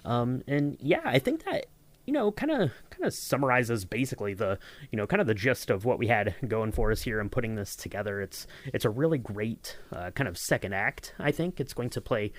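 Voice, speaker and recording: A podcast co-host with a mid-range voice talks animatedly and a little fast in a casual behind-the-scenes chat, with no echo. He rambles, filling his speech with fillers and restarts.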